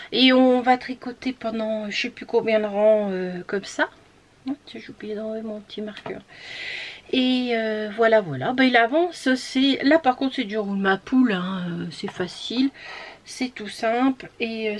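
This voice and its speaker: A woman chatting casually while showing her knitting, with many fillers, often trailing off into soft murmurs and whispers. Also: on the high side, a little hiss or hum. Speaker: knitting vlogger.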